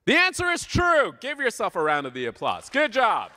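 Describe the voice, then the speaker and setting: His extremely high voice swoops wildly at a normal speed, sounding pushed and bright, with some chatter behind and a little hiss or hum. The man, a guest preacher from Southern Ontario with a Canadian accent, gives a playful, informal sermon full of questions in a large church hall, recorded live with long reverb.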